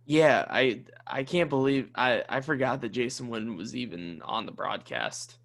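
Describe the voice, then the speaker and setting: A man co-hosting a casual sports podcast, talking emphatically and reacting with quick disbelief. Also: mid-range voice, vocal fry, fairly bright tone. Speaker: podcast co-host.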